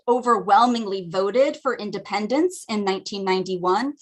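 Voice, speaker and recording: Over a video call, an American woman gives an academic lecture as a guest speaker at a community teach-in, her voice a little high for a woman. She explains thoughtfully and academically, often pausing on ums.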